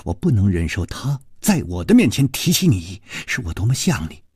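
A man's voice: sing-song, a little mellow, no echo, clean studio sound, exaggerated voice. A man whispering as a jealous, murderous young woman. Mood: menacing. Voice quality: low breathy whisper. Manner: slow menacing hiss.

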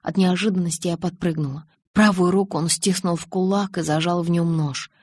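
Husky woman narrating an audiobook. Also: fairly low pitch, brisk, no room sound. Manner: lively, expressive dialogue reading. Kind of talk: first-person audiobook narration.

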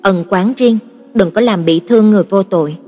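A woman narrator voicing a cold, curt male bodyguard who speaks flatly and indifferently. The voice is husky, with reverb and music behind it. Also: mid-range voice, brisk, natural voice. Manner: flat, terse, indifferent. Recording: reverberant, with soft background music.

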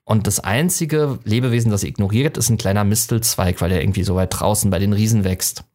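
A man with a fairly low voice hosts a film podcast. He retells a myth in a casual, animated way and often trips over and restarts his sentences. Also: fast. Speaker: podcast host.

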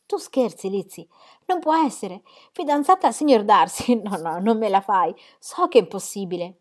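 A woman voicing a gentle, kind young woman, an affectionate elder sister, with warm, eager exclamations. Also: medium pitch, a little fast, lightly acted. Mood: astonished. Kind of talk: audiobook character reading.

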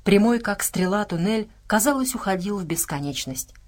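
A woman's voice: animated, normal speed. A woman reading an audiobook aloud as a narrator, raising her voice for the characters' lines. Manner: reads dialogue with raised pitch and volume for characters. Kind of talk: scripted narration.

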